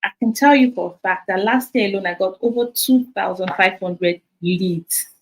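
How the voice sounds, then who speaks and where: A Nigerian woman in her thirties coaches her sales team, talking into her phone. She is lively and direct, with a mid-pitched voice, and slips in Pidgin while she repeats each key point. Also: normal speed, low-quality recording. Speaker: business coach.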